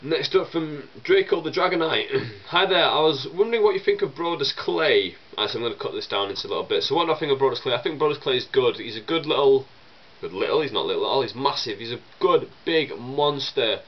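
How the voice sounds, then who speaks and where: Quick-paced and lively in intonation, a young man's medium-pitched voice comes across on dull audio. He has a chesty cold and coughs and sniffles while casually answering vlog viewers, rambling along with frequent fillers and restarts.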